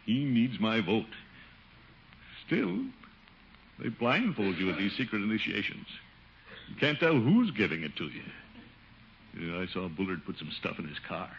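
An actor playing a pompous, easily rattled middle-aged official in a 1950s radio sitcom, with a booming laugh. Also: male voice, fairly bright tone, muffled recording. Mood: nervous. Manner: boisterous laugh, blustering then nervously talking to himself. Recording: hissy old radio broadcast recording.

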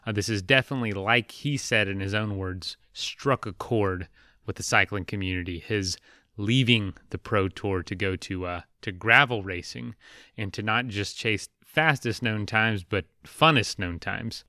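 A man hosting a podcast interview, speaking in a relaxed, rambling way with lots of fillers and restarts. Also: on the low side, measured pace, no room sound, clean studio sound. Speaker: podcast host. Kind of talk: casual interview chat.

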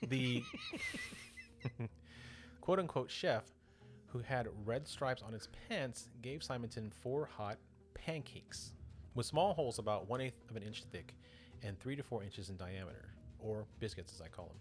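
A man's voice: mid-range voice, unhurried, soft background music. A man hosting a podcast, telling strange stories in a casual, joking way with asides and self-corrections. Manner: lively, joking, self-interrupting. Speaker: podcast host.

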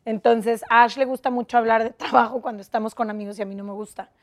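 A woman's voice: on the high side, fairly even intonation, fast talker. A young Mexican woman, a guest on a chat show, telling stories in a blunt, matter-of-fact way. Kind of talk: casual chat.

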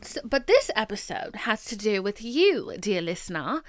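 A woman's voice: mid-range voice, big pitch swings, moderate pace, dry recording. A woman podcast host chatting casually and confessionally to listeners, candid, slangy and emphatic.

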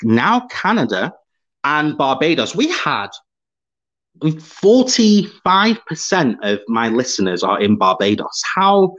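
A man's voice: a little high, sing-song, slow pace, a bit bright. A man from the UK hosting a live-streamed podcast, chatting upbeat and laughing often as he reads out viewer comments. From United Kingdom. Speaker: podcast host. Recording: slightly dull lo-fi sound.

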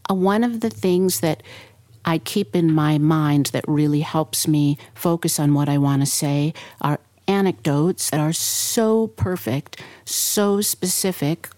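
A woman's voice: low voice, takes it slowly, darkish tone, no room sound. A middle-aged woman, an author and former park ranger, answering interview questions with enthusiasm and explaining her ideas in short phrases.

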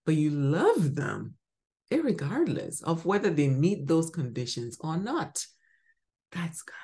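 This podcast host, a Ghanaian woman with a bass voice, delivers a devotional teaching. She's emphatic throughout, swinging from bright exclamations into soft murmurs.

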